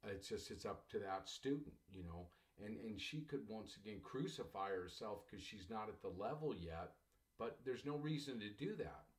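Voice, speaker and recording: Male professor, slightly low voice, chatty storytelling lecture style that keeps addressing the class. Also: lively intonation, moderate pace. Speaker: college English professor.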